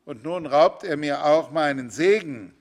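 A man voicing a wronged elder son who pleads bitterly for a blessing, reciting slowly. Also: on the high side. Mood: pleading. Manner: pleading, slow biblical recitation.

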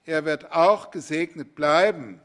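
A solemn aged father giving a blessing, read out by a man. He recites slowly and gravely, in a raised, measured tone. It sounds like a storybook reading of an old scripture tale. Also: fairly high pitch, natural voice. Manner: solemn, slow biblical recitation. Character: aged blind father blessing his sons.

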